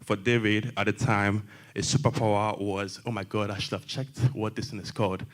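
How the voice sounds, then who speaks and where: Young male panelist, low-pitched, animated talker who ramps up when he gets excited. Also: normal speed. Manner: lively, builds to excited highs with superhero analogies. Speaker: panelist, tech consultant. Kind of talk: panel testimony at a church young adults session.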